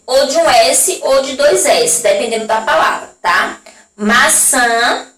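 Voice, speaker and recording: A woman's voice: fairly high pitch, fairly bright tone. Brazilian woman, primary teacher, patient lesson voice, stretches out words, echoey room, voice from a distance. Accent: Brazilian Portuguese. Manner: slow, drawn-out pronunciation of example words; frequent checking tags to the class. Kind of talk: recorded classroom lesson for young children.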